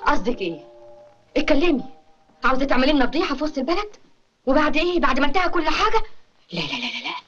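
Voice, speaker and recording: A woman's voice: on the high side, fairly quick, pauses often, lightly acted. An actress with an Egyptian Arabic accent playing a worried, devoted middle-aged mother in a classic film, fretful and coaxing. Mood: alarmed. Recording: dull old film soundtrack with music.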